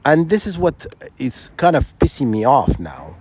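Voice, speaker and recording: A man's voice: mid-range voice, big pitch swings, moderate pace, darkish tone, a little hiss or hum. A man from Sudan, giving an insistent, rambling opinion monologue full of restarts and rhetorical questions. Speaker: vlogger.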